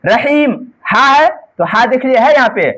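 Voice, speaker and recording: Woman teacher, exam-prep grammar lecture, asks and answers her own questions, spells letters out slowly. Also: sits high, animated, fairly bright tone. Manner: asks the class questions and answers them herself; often adds a checking "right?" tag.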